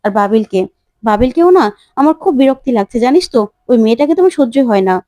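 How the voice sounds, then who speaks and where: A hostile, sharp-tongued aunt in a serial recap, played by a woman narrator. Her scolding comes out high and close. The sound is dry. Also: animated, fast talker, dry recording. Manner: scolding, bossy.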